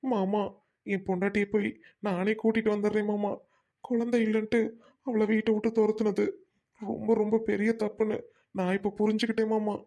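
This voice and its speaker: Brief: remorseful younger brother, played by a woman, mellow, soft, pleading. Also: medium pitch, little pitch movement, brisk, natural voice. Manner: pleading, repeats "uncle" (brother-in-law). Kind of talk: family melodrama skit.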